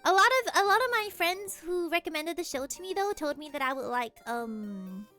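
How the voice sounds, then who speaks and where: A young woman streamer chatting casually from her room, sleepy, talking fast and rambling with frequent laughter. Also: high voice, expressive, sharp tone, faint music behind. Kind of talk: casual chat.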